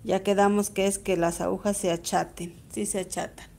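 A woman's voice: medium pitch, level tone, normal speed, gravelly, darkish tone. Chatty Mexican woman teaching embroidery. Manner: chatty, greets viewers by name while stitching. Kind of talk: live-stream embroidery tutorial.

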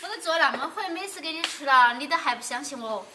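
Young female cooking vlogger, Sichuan dialect, fairly high voice, casual chat, noisy outdoor kitchen recording. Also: lively intonation, fast talker. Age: young adult. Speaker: cooking vlog host. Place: open-air village kitchen.

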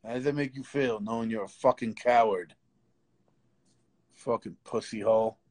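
A man's voice: medium pitch, normal speed, darkish tone. A man hosting a live stream, taunting and insulting a caller in a profane, confrontational way.

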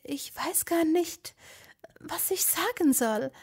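A woman's voice: extremely high pitch, expressive, slow pace, darkish tone, voice pushed up, heavily acted. Hermine, earnest young witch, voiced by a woman. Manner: earnest, explaining, easily indignant. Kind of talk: fan audio drama.

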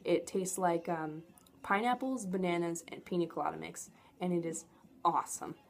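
Young female reviewer, lowish voice, informal and enthusiastic, faint background noise. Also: normal speed, vocal fry. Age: young adult. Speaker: product reviewer. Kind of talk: casual review to camera. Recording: noticeable background noise, home camera audio.

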